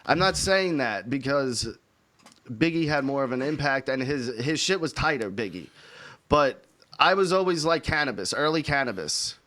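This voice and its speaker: A man in his thirties, hosting a casual chat, talking in an animated, profane, opinionated way. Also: mid-range voice, moderate pace. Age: 30s. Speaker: podcast host.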